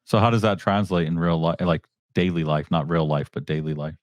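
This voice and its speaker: A man's voice: deep voice, a little fast, no room sound. A man hosting a podcast, chatting about his family in an easygoing, chuckling way. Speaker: podcast host. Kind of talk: casual chat.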